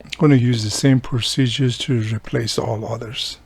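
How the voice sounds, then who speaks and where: A man with a gravelly, husky voice of medium pitch walks through a casual hands-on repair, plainly explaining each step as he goes. His tone stays steady and his pace moderate. He repairs radios and hosts videos.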